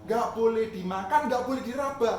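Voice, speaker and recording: A man voicing Eve, an anxious and defensive first woman who pleads with quick, repeated protests. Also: very high voice, pitched above the performer's own voice. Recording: echoey room, mic far off.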